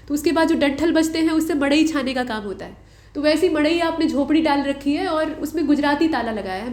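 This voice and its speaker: A woman's voice: sits high, darkish tone. A young adult woman teacher walking through exam answers in a patient lesson, repeating key points. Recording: roomy echo.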